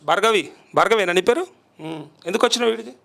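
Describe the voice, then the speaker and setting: A man's voice: sits high, fast talker, vocal fry, a bit bright. A male journalist, interviewing people on the spot, coaxing them and repeating their answers back.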